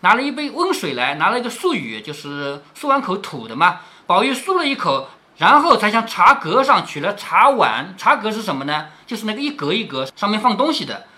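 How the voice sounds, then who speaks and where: A man's voice: high-pitched, very animated, a little fast, few pauses, sharp tone. A middle-aged man reading a classic novel aloud to his daughter, stopping often to explain and asking rhetorical questions.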